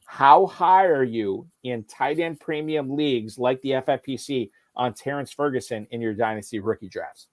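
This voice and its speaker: A man's voice: medium pitch, no echo. A man hosting a fantasy football podcast, steering the conversation with questions. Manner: brisk, steers the discussion with questions. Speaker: podcast host.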